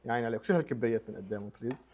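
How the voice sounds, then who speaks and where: A Lebanese man hosts a live cooking stream at a very rapid clip. He is chatty and casual, greets viewers, repeats himself and mixes in English words. There is faint noise with some clicking behind him. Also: mid-range voice, darkish tone. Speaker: host of a live online cooking show.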